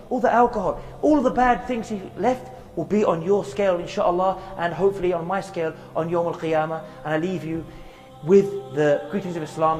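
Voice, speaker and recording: A man's voice: high-pitched, a little mellow, big-room sound. A man giving an earnest religious reminder outdoors in a graveyard, repeating phrases for emphasis and reciting verses. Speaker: Islamic preacher.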